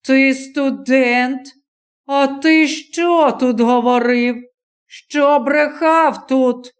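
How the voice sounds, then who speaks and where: A suspicious old village man hurls slow, harsh accusations, as a woman reader voices him. His tone is hostile and grudging. It is an audiobook reading. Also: sits high, fairly even intonation. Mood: accusing.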